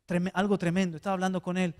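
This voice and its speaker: High-voiced man preaching passionately. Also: level tone, fast. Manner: impassioned preaching, swinging from hushed to loud; repeats and stumbles over small words. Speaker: pastor. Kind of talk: sermon. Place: church before a congregation.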